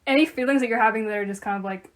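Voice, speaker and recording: Fast-talking teen girl giving advice. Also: on the high side. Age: teens. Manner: quick, advice-giving, finishes her co-host's points. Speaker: podcast co-host. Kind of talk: casual podcast chat.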